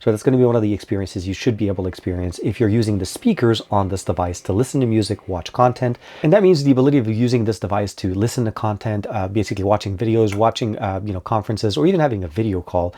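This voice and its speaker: Male tech reviewer with a cold; husky, rapid, casual and upbeat with viewers. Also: fairly low pitch, mellow. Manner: upbeat and informal, addresses viewers as you guys. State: getting over a cold. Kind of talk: product review vlog.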